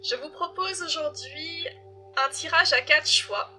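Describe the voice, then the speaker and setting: A woman giving a casual tarot reading, unhurried and hesitant, with frequent fillers. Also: high voice, sharp tone, soft background music. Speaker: tarot reader.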